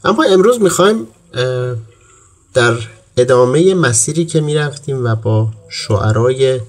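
A man's voice: medium pitch, lively intonation. Male, mid-range voice, talk host, formal and courteous, literary programme.

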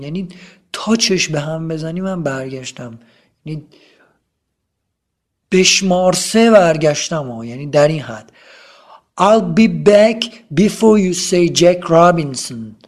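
Male language teacher, slightly raised pitch, relaxed lesson delivery, drills phrases slowly then rushes through explanations. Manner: repeats English phrases slowly and loudly, then explains softly and quickly; acts out little dialogues in different moods. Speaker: English teacher.

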